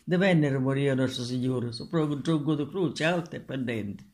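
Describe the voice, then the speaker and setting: A man's voice: mid-range voice, normal speed, a little mellow. A man with a Sicilian accent reciting traditional religious verse in Sicilian dialect.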